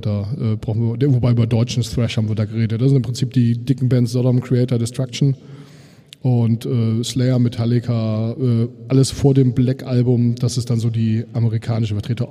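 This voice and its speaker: Mellow, husky man lisping from a missing front tooth. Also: mid-range voice, big-room sound. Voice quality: slight lisp on th sounds from a missing front tooth. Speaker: podcast host. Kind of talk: casual music podcast chat.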